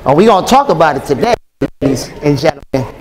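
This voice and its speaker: Talking fast in a higher-than-average voice, a thirties-aged preacher delivers an animated, joking conference sermon, drawing answers from the crowd. The setting is a big hotel ballroom with a live audience, captured with long hall reverb and faint crowd noise.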